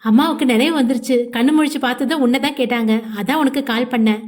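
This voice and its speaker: Audio-novel part: woman reading a soft-spoken middle-aged aunt, gentle and a little hesitant. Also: high voice, fast, natural voice.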